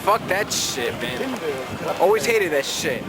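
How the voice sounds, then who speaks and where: This young advice vlogger's voice sits high and sing-song, and he takes it slowly over loud music. Tipsy and out in the city at night, he reads viewer letters aloud and answers them in a brash, profane, slangy way.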